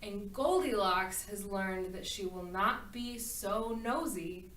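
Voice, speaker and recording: A woman tells a fairy tale as a speech, slow and expressive, with dramatic pauses before each punchline. Her voice is bright and a little high. She sounds roomy and distant from the mic. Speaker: speaker telling a story. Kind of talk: storytelling speech. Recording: echoey room, far from mic.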